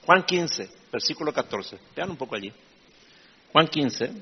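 A man preaches a sermon in a slightly husky voice, shifting between loud emphatic bursts and low, confiding asides. The sound is dull and lo-fi, with a long reverb trailing each phrase as if in a large hall. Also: expressive, brisk. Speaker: pastor.

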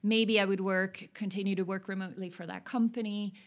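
A woman's voice: mid-range voice, steady tone, fairly quick. A woman in her forties from Norway, a guest telling her career story in an interview, thoughtful with frequent fillers. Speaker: guest, consultant. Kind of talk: conversational interview.

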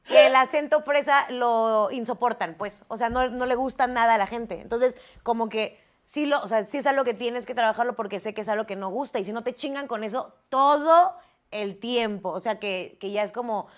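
A woman's voice: on the high side, normal speed. A woman with a Mexican Spanish accent in a casual comedy chat, telling stories animatedly and laughing often.

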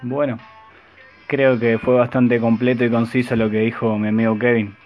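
A man's voice: medium pitch, level tone, moderate pace. A man hosting a podcast in an easygoing, friendly manner. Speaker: podcast host. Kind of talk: casual podcast chat. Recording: dull lo-fi audio with faint music.

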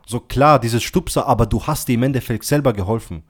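A man talking in a relaxed, slangy way, padding every phrase with filler and calling his listener bro. His voice sits at an ordinary middle pitch. When he tells a story, he acts out the lines of everyone in it. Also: brisk. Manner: tells stories acting out quoted dialogue. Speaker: podcast host. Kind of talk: casual chat.

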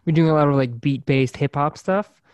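A man's voice: a little high, normal speed, smooth, no echo. A man co-hosting a music podcast, teasing the others playfully and restarting his sentences in casual chat. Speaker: podcast co-host.

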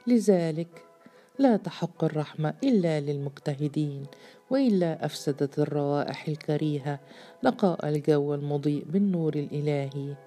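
A woman's voice: low-pitched, normal speed, dark tone, faint music behind. A woman voicing a stern, mocking male jinn freed from a bottle, speaking with severe, scornful preaching. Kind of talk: storybook reading.

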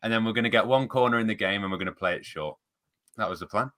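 A man's voice: lowish voice, fast talker, crowd noise. A man on a casual football podcast, telling things in a dry, sarcastic way. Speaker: podcast guest.

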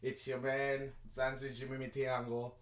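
A man hosts a relaxed podcast conversation, upbeat and chatty, circling back and restarting his sentences. He sits a little away from the microphone. The room around him rings with echo. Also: medium pitch, normal speed. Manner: upbeat, rambling with many fillers and restarts. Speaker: podcast host. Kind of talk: casual interview chat. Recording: roomy, distant mic.

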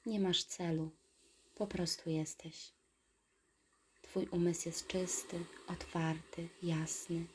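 Woman meditation guide, soft whisper, very slow and lowish, faint hiss behind. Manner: slow, soothing, calm instructions.

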